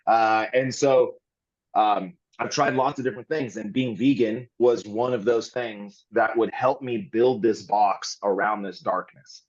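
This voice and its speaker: A man's voice: lowish voice, steady tone, measured pace, lo-fi sound. A man guesting on a podcast, talking candidly and earnestly in long rambling runs with frequent restarts.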